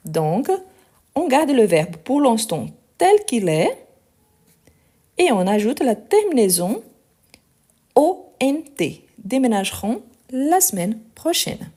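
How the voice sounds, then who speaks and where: A woman's voice: mid-range voice, dark tone, slightly rough. A woman teaching French grammar in a live online lesson recorded on her phone, spelling out letters and patiently thanking viewers.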